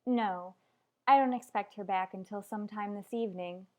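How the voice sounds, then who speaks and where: A woman with a natural, mid-range voice speaks at a moderate pace, playing an anxious, clinging mother in an old-fashioned radio soap opera. Her delivery is earnest and emotional.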